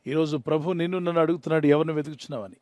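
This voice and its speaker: A man with a high voice preaches an earnest sermon, repeating his key phrases and leading a prayer, with English words mixed in. The recording is dry and close, with no room sound. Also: steady tone, rapid-fire, darkish tone, no room sound. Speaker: pastor.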